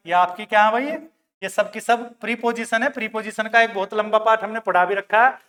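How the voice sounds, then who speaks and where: A man's voice: high voice, a bit bright, big-room sound. A man teaching a grammar lesson. He explains step by step, repeats key words and calls his students "bhai" and "beta". He reads examples.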